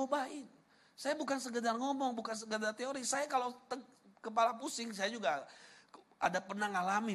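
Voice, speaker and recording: A man from Sumatra delivers a sermon in a bright, keen voice. He keeps asking the congregation questions and addresses them directly. He mixes humor and personal stories into an easy, chatty flow. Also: high-pitched. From Sumatra, Indonesia. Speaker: preacher.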